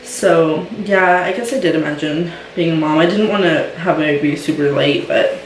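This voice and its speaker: A woman's voice: sits low, moderate pace, a little hiss or hum. A young woman talking casually as a mom vlogger, chatty and filling her talk with "um" and "like". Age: young adult. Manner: chatty, many fillers and "like". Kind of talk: casual chat. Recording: roomy sound from a distance.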